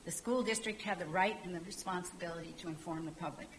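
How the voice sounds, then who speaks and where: A woman's voice: lowish voice, fast talker, a little hiss or hum, poor audio. An older woman giving a formal public comment from a podium in a council chamber, reading a prepared statement. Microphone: podium microphone.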